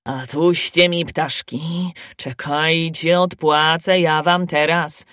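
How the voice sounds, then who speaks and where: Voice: medium pitch, steady tone, takes it slowly, a bit bright, dry recording, clean studio sound. A storyteller voicing a frightened vagabond man who begs for mercy. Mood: threatening. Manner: pleading, whispering in fear. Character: threatening then cowering vagabond man.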